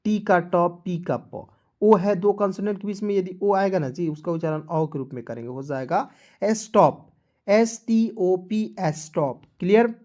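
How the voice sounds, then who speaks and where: A man teaching an online lesson. He breaks words apart letter by letter and keeps checking with viewers whether it is clear. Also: high-pitched, moderate pace, dark tone, highs cut off. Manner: addresses viewers as friends, asks for likes. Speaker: English teacher.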